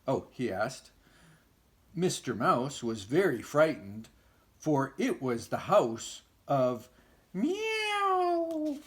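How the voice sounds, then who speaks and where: Older male, grandpa voice, children's storytelling, very slow pace, lively intonation, gentle explaining manner. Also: medium pitch. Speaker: storyteller grandfather reading aloud. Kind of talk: children's picture-book storytelling.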